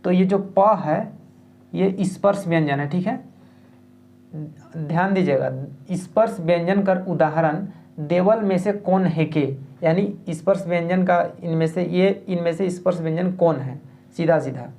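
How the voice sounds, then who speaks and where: A man with a Jharkhand accent teaching an exam-prep language lesson, explaining patiently and slowly sounding out letters as examples. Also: on the high side, creaky, a little mellow. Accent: Jharkhand Hindi. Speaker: exam tutor.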